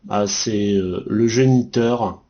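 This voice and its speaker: Man, French teacher, slow careful delivery, spells out words, dull lo-fi recording. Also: on the low side, dark tone. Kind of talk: vocabulary lesson.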